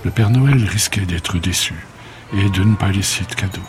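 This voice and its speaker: A man narrating a scripted bedtime story for children in a calm, gentle reading voice. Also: low voice, normal speed, music in the background.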